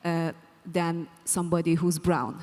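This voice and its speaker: A woman's voice: on the low side, steady tone, measured pace, darkish tone. A woman from Afghanistan, a musician guest in a live panel interview, who speaks hesitantly with many fillers. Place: hall, on stage. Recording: long reverb of a hall.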